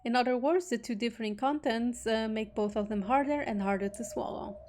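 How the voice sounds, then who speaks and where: A woman's voice: on the high side, fairly quick, darkish tone, slight background noise. Woman streamer reading a game aloud. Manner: reads narration steadily, breaks off into joking asides. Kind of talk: reading aloud with casual asides.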